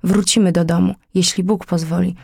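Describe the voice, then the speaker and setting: A grave young boy from a storybook, hushed and protective, in whispered role-play, as a woman reader puts him on. The voice is breathy and low in volume. It sits close and dry. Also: fairly even intonation, a little fast, no room sound.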